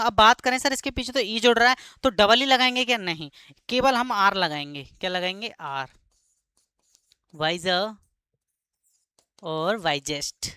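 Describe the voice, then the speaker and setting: A man teaching a live grammar class, who keeps stopping to ask students quick check questions and repeats key words slowly. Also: extremely high pitch, sharp tone, clear, resonant tone, no echo.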